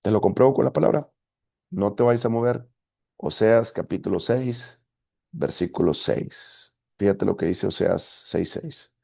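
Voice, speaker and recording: A man's voice: on the low side, measured pace, vocal fry, dark tone. A man preaching a sermon as pastor, emphatic and full of rhetorical questions. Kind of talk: sermon teaching.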